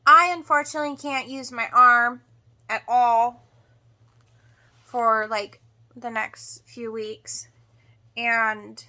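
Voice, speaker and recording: A woman giving a casual homestead update to viewers in a halting way, sounding drained and emotional after surgery. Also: on the high side, steady tone, bright, forceful tone. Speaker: homestead vlogger.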